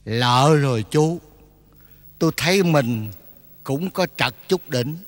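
A man's voice: mid-range voice, lively intonation, slow, no room sound. A man playing a grieving, regretful old father who talks plaintively and tearfully, in Vietnamese folk opera acting. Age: older. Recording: instrumental music behind.

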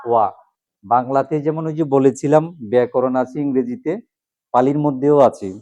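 A man's voice: mid-range voice, fairly even intonation, normal speed, warm tone, dry recording. A man teaching a class, drilling letters one by one and asking questions, then answering them himself. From Bangladesh. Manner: asks questions and repeats answers. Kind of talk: classroom lesson on alphabet pronunciation.

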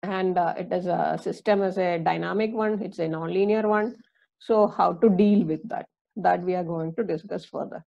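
Woman lecturer, Indian English accent, slow explaining with fillers, muffled lo-fi sound. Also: fairly low pitch, fairly even intonation, gravelly. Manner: explains slowly with many fillers and repeats. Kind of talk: recorded engineering lecture.

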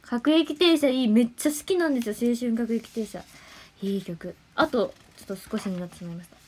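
A young woman, chatting playfully on a solo livestream and sometimes dropping to soft murmurs and whispers. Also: a little high, brisk, husky. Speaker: idol livestreamer. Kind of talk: casual solo livestream chat.

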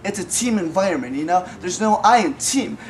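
A man's voice: high voice, lively intonation, brisk, a crowd in the background. Man playing a cocky crude millionaire. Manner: cocky, rude, laughing, swearing. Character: arrogant crude male millionaire businessman. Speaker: interviewee. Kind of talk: comedy skit acting.

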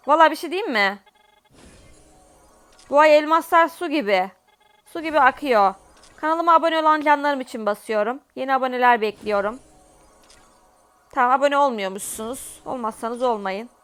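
A young woman with a Turkish accent talks through a mobile game as a gaming vlogger. Her voice sits high, and she turns dramatic, pleading and exclaiming, in casual running commentary. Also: fairly bright tone, smooth. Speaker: gaming YouTuber.

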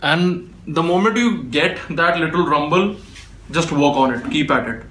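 Man, tutorial instructor, patient step-by-step explaining, slightly high pitch, echoey room. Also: a little slow, bright, forceful tone, slight background noise. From India. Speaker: beatboxer teaching. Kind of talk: spoken tutorial.

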